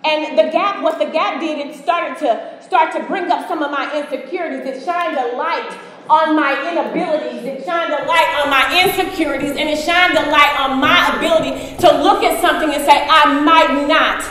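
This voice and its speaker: High-voiced woman in an echoing hall. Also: moderate pace, a bit bright, slight background noise. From United States. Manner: storytelling, addresses the audience directly. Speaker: conference speaker. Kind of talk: motivational speech. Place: large conference hall. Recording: echoey hall with long reverb.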